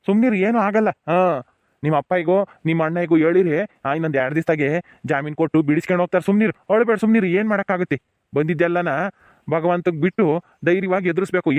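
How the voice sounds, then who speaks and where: A man's voice: high-pitched, no echo, close to an everyday voice. A man with a rural Tumakuru Kannada accent playing an elderly, proud village headman who soothes his jailed granddaughter. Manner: soothing, pleading, repeats hush phrases. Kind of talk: village family drama acting.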